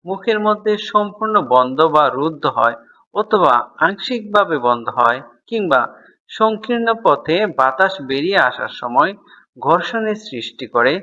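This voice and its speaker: A man's voice: a little high, big pitch swings, normal speed, pushed and bright, lo-fi sound. A man teaching a school grammar lesson, explaining step by step and answering his own questions.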